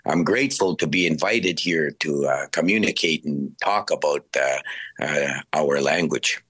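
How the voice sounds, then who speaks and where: A man giving reflective interview talk in a halting, deliberate way with many pauses. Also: very deep voice, fairly bright tone, breathy edge. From Canada, Saddle Lake Cree Nation. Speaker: interview guest, musician and language speaker.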